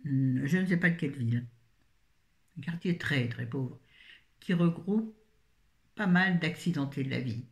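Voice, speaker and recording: A woman's voice: deep voice, animated, unhurried, vocal fry, pauses often. A middle-aged woman from France chatting casually about books she has read, rambling, correcting herself and dropping jokey asides. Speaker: book reviewer. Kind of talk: casual book review chat.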